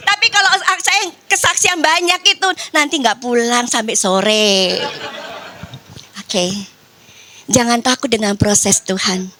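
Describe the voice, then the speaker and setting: An older woman pastor preaching a sermon in church, telling a personal testimony with emotional swings between loud and hushed, mixing formal preaching with casual slang. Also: sits high. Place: church service.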